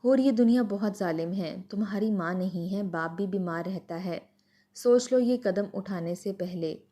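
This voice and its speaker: A man's voice: high voice, dark tone. Woman voicing a heartbroken young husband. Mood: pleading. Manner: emotional, pleading. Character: heartbroken young husband, pleading then resigned.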